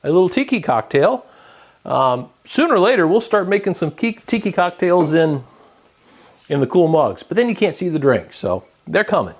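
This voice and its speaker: A man hosting his own cocktail vlog, explaining a drink step by step in a relaxed, chatty way with many fillers. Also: high voice, moderate pace. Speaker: home bartender host. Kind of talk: casual cocktail-making vlog.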